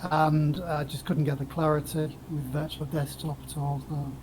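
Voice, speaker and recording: A man's voice: fairly high pitch, flat delivery, normal speed, noisy background. A man on a group voice call giving matter-of-fact tips. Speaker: flight sim group member. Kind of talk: casual voice chat.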